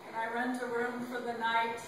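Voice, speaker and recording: A woman's voice: a little high, completely flat delivery, moderate pace, far from the mic, lightly acted. A bone-tired businessman brushes off any worry in a weary, dismissive tone, as a woman voices him in a story. The sound rings through a big, echoing room, picked up from across it with noise behind. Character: exhausted skeptical male businessman. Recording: echoey classroom, recorded from afar.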